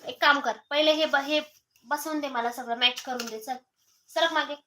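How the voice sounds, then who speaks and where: Woman, mother, high voice, coaxing questions, casual live-stream talk, noisy home recording. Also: steady tone, normal speed, sharp tone. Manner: coaxing, keeps prompting the child with questions. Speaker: mother hosting a live stream with her toddler.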